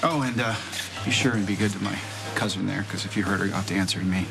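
An actor playing a courtly, proud prince in a television soap opera, speaking politely and a little formally. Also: male voice, deep voice, fast talker, vocal fry. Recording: loud background music under dialogue.

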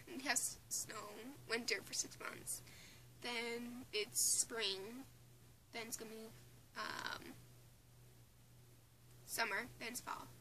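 Chatting casually into a close phone or webcam under a bunk bed in her small bedroom indoors, an eighteen-year-old woman from Newfoundland, Canada, offers her opinions in a Newfoundland English accent. She rambles with giggles and restarts in a fairly high, pushed and bright voice that stays steady and slow, pausing often. The audio is poor, with slight background noise.

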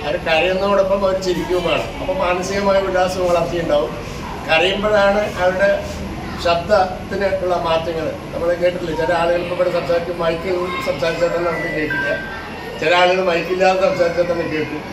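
A man's voice: high voice, steady tone, brisk, far from the mic. A man with a Kerala Malayalam accent gives a conversational, explanatory public speech at a school function. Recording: roomy hall with noise, from afar.

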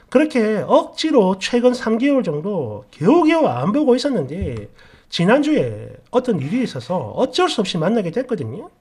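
A woman's voice: medium pitch, husky. A woman narrating reader-submitted family stories in a chatty, indignant storytelling manner.

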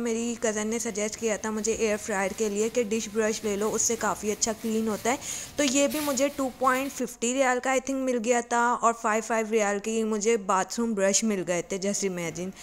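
A woman from Pakistan narrating a casual shopping vlog, chatty and rambling, with fillers and self-corrections. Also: a little high. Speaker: vlogger. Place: shops and supermarket, partly voice-over.

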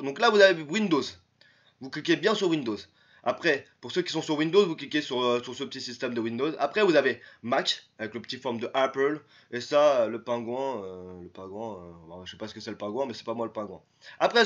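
A man's voice: medium pitch, a bit bright, muffled recording. A young man with a French accent, walking viewers through a casual screen-recorded tutorial in a chatty, repetitive, rambling way. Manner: chatty, repetitive, keeps saying "les potos"; rambling, with many restarts and "hop". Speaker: tutorial youtuber.

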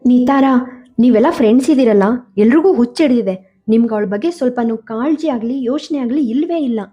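A woman voicing a fiery young woman who scolds and shouts at her friends in an audio story. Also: a little high, moderate pace, muffled recording, soft background music, close to an everyday voice. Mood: furious.

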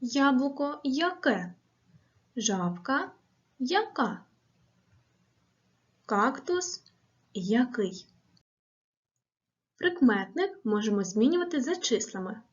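A woman teaching a grammar lesson to schoolchildren on video, speaking slowly and clearly and asking and answering drill questions. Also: a little high, darkish tone, lo-fi sound.

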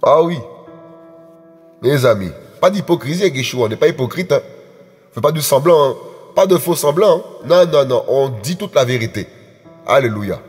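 Male preacher, husky and fervent, repeats his points, long hall echo. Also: medium pitch, animated, moderate pace, long pauses, a little mellow. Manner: emphatic, repetitive, addresses the congregation as friends. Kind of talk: sermon. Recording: echoey hall with faint music.

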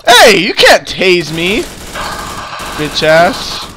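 A man voicing a rude, aggressive male suspect in online game role-play, loud and swearing. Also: high voice, wildly swooping pitch, very slow, background noise, full character voice. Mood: taunting.

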